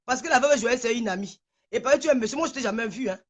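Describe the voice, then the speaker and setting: A high-voiced woman furiously ranting on a phone live stream. She trembles with anger, repeats her insults again and again, and stammers when the words pile up. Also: fast talker. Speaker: livestreamer. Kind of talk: angry livestream rant.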